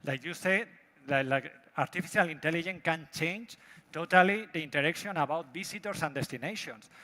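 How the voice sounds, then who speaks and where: A man from Spain with a Spanish accent, a native Spanish speaker giving a live product pitch in broken, halting English. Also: sharp tone. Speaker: startup presenter pitching a product. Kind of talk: live pitch presentation with demo. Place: large event hall. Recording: echoey hall with long reverb.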